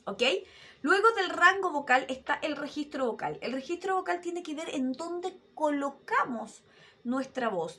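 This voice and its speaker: A woman with a high, breathy-edged voice coaches voice acting in an online dubbing lesson. She is an animated teacher who demonstrates voices and keeps putting rhetorical questions to her listener.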